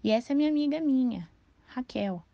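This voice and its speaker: A woman voicing a cheerful, friendly young male rooster in a storybook reading, her voice raised high and eager. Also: expressive, fairly quick, vocal fry, no echo. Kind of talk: audiobook character voice. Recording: dull, dry lo-fi recording.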